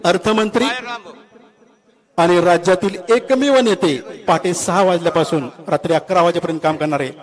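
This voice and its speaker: Male emcee, high voice, formal slow build-up introduction. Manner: slow, ceremonious build-up to the leader's name. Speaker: emcee at a political rally.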